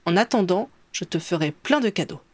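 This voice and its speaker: A woman's voice: fairly low pitch, brisk, no room sound. A woman reading an audiobook, voicing an eager small boy who is proud to be a godfather. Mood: earnest. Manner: excited, insistent.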